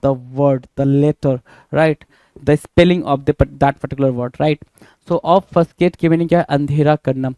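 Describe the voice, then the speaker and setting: Teaching English vocabulary for an exam, an Indian-accented man repeats each word, spells it letter by letter, and quizzes his students throughout. His slightly high voice is warm, clear, and resonant, with fairly even intonation and a slow pace. There's no room sound.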